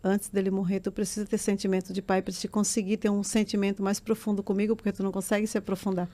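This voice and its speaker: Speaking fast with a warm tone and a flat delivery in a mid-range voice, a middle-aged woman shares a personal testimony on a podcast. Her earnest, emotional telling builds until it becomes tearful and intense.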